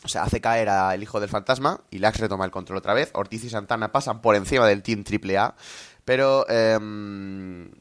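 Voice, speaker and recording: A man's voice: fairly low pitch, moderate pace, a bit bright. A man recapping wrestling matches as a commentator, in an informal, conversational way that often gropes for words.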